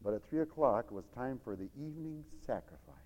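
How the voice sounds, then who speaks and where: A man preaching a sermon as dramatic storytelling, acting out crowds and swinging from loud shouts to hushed asides. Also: medium pitch, lively intonation, fast talker. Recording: long hall reverb.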